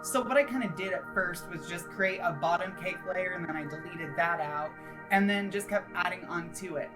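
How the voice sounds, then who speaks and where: In a low-quality recording with music underneath, a woman with a lowish voice talks at a normal pace. She's a channel host offering casual, upbeat commentary on a game build, chatty and full of emphasis.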